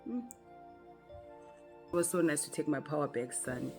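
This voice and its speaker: A woman's voice: low voice, moderate pace, vocal fry, a little mellow. South African woman, storytime vlogger, chatty and direct with viewers, laughs often, faint music under. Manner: chatty, talks straight to viewers with frequent laughs. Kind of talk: casual storytime vlog.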